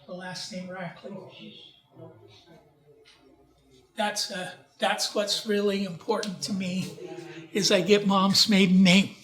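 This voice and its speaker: This man's voice is high-pitched and fairly bright, holding a steady tone as he presents a genealogy talk with slides in a library event room. His informal delivery is halting, full of restarts, asides and questions put to the audience.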